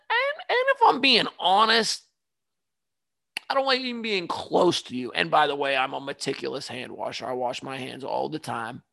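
A man hosting his own podcast, talking casually in an animated, ranting, self-mocking way. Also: on the high side, creaky, no echo. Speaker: podcast host. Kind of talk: casual solo monologue. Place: home studio.

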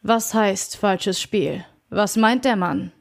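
A woman reading the lines of a calm male lawyer in an audiobook, measured and formal. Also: medium pitch, gravelly. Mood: alarmed.

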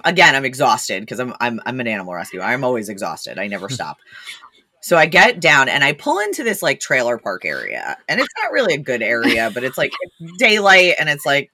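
A woman guest on a podcast, telling stories in a blunt, animated way with lots of fillers. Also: a bass voice, fairly quick, hardly any pauses, no room sound. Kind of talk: casual storytelling.

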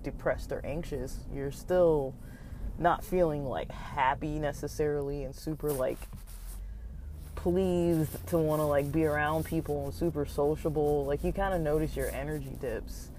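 Podcast host, mid-pitched and relaxed, casual meandering talk from the driver's seat, light vehicle noise behind. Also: unhurried. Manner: informal, hesitant, meandering. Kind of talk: casual rambling monologue. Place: inside a car while driving. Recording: muffled road noise inside moving car.

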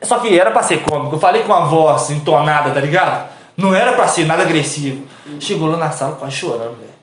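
A man, hosting a podcast and telling a story from his own life in slangy, animated casual chat. He laughs often and acts out the voices of the people in his story. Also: a little high, fast, reverberant, a little hiss or hum. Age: 20s.

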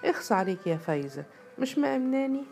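A woman's voice: a little high, sing-song, fast, creaky, darkish tone, soft background music, pitched above the performer's own voice. A woman with an Egyptian accent voicing a nosy young female student friend who talks in a mocking, eager way. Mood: teasing.

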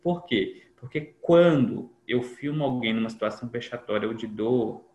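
A man's voice: mid-range voice, normal speed, darkish tone. Guy chatting on a podcast, thoughtful, acts out little dialogues, echoey room. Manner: reflective, acts out quoted dialogue. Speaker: podcast guest. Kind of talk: casual conversation. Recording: echoey room with faint noise.

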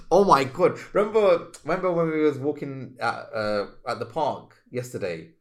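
A man co-hosting a casual spiritual podcast, animated and exclamatory as he acts out his reactions. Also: medium pitch, moderate pace, few pauses. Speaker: podcast co-host.

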